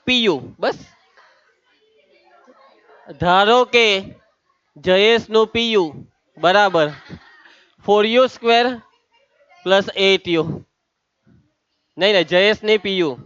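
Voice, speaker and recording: A man's voice: sits high, takes it slowly, pauses often, a bit bright, clear, resonant tone, dry recording, muffled recording. A man teaching a maths lesson, teasing and calling on students by name. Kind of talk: lively classroom lesson.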